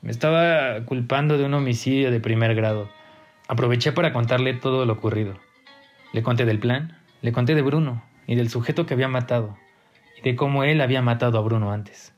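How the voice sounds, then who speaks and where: A man narrating a first-person horror story in a tense, dramatic way, his voice rising in pitch at key moments. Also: a little fast, lo-fi sound. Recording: faint music behind the voice.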